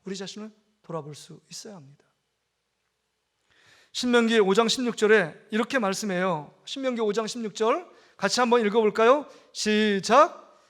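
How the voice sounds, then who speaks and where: A man's voice: high-pitched, moderate pace, a bit bright. A man preaching a Sunday sermon as pastor, earnestly telling a story, acting out the voices and leading the congregation in reading aloud. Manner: earnest preaching, acts out quoted dialogue, leads congregation in reading. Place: church sanctuary.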